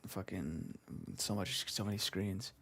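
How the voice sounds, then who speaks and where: A man on a livestream, chatting casually and loudly, with offhand remarks and a lot of swearing. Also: deep voice, fairly even intonation, unhurried, a crowd in the background. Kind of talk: casual live-stream chatter.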